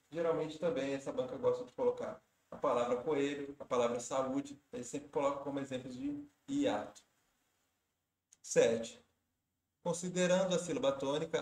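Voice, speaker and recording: A man's voice: mid-range voice, darkish tone. Brazilian male exam-prep teacher, methodical explainer, roomy echoey sound. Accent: Brazilian Portuguese. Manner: explanatory, step-by-step, with tips. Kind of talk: walking through exam questions.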